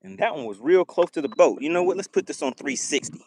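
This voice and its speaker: A man commentating a live fishing stream to his chat from a boat on a lake, excitable and teasing, laughing often. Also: fairly high pitch, fast, no echo.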